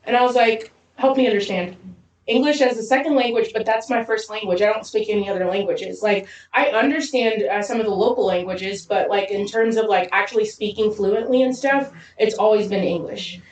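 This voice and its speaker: Fast-talking woman from Zambia, echoey room. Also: mid-range voice. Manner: fast, lively storytelling with frequent laughs. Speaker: podcast co-host. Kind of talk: casual chat. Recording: roomy echo, distant mic.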